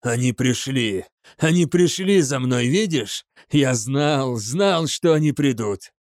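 A man's voice: medium pitch, expressive, slow pace, darkish tone, no room sound, studio quality. A man voicing a wounded, defiant male prisoner who speaks in a slurred voice.

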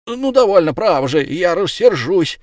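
Audiobook part: man voicing a chubby, cowardly whiner, high and squealing, wildly swinging pitch, dry close sound. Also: very animated, moderate pace, a little mellow, no echo. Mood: whining protest. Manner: pleading, plaintive, squealing. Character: plump, timid, whining middle-aged man. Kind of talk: audiobook reading.

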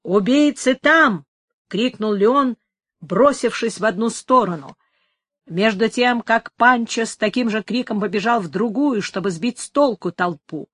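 A woman reading a story aloud as narrator, measured and steady. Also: fairly high pitch, slightly rough, dry recording. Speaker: audiobook narrator. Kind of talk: scripted narration.

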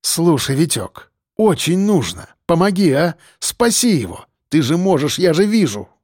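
A man doing a blunt, gruff police detective. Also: on the high side, sing-song, unhurried, darkish tone, dry recording, studio quality. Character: tough stubborn male police detective.

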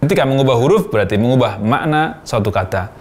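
A man hosting a radio lesson on Quran pronunciation, speaking slowly and carefully demonstrating each sound. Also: medium pitch, expressive.

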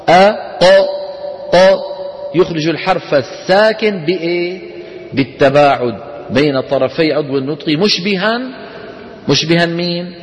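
A man's voice: fairly high pitch, long reverb tail, rough recording. A man with a Levantine Arabic accent teaching Quran recitation in a classroom lecture, asking the class questions, answering them himself and sounding out letters for students to repeat.

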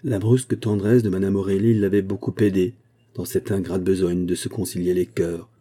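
A man reading a classic novel as an audiobook, in a measured, steady narration. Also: sits low.

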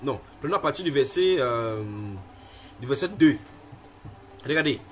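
Slight background noise accompanies a man preaching a Bible sermon in a fairly high, animated but unhurried voice. He reads scripture and teaches with emphasis, repeating phrases and addressing questions to the listeners.

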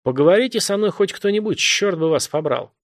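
A man voicing a harried police officer working the phones, brisk and firm, trying to reassure callers. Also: high-pitched, animated, pitched above the performer's own voice. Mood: pressed. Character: harried male police dispatcher, calm but pressed.

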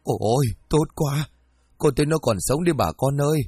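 A man's voice: fairly high pitch, normal speed, darkish tone, breathy edge, dry recording, studio quality, voice pushed up. A man voicing an old village mother who wails and laments over her son. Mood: wailing. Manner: wailing, lamenting. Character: old village mother, wailing, grief-stricken.

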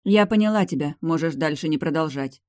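A woman's voice: deep voice, fairly quick, darkish tone, no room sound, close to an everyday voice. A woman voicing a young vampire heroine who talks curtly and sarcastically, with cold irritation, in a dry-sounding reading.

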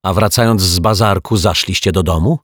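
Man doing a brisk, good-natured detective. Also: low-pitched, breathy edge, no room sound, clean studio sound. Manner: brisk questioning, quietly amused. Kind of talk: audiobook character voice.

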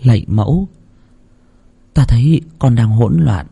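A man voicing a calm, kindly middle-aged woman shaman who asks gentle questions. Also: medium pitch, unhurried, gravelly, slightly rough, heavily acted.

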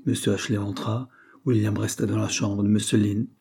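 A man narrating a classic novel as an audiobook, steady and measured. His voice is low, mellow and somewhat husky. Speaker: audiobook reader. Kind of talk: scripted narration.

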